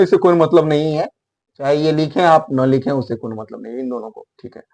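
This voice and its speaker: A man teaching English grammar in Hindi, explaining patiently and repeating key points with emphasis. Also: on the high side. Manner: repetitive, emphatic teaching, spells out letters.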